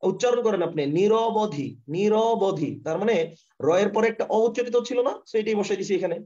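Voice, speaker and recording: A man with a Bangladeshi Bengali accent teaching grammar in a live online class over a computer mic. He explains step by step, repeats himself and keeps asking students if the concept is clear. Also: high-pitched, racing, mellow. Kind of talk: live online lesson with screen share. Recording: dull, lo-fi online class audio.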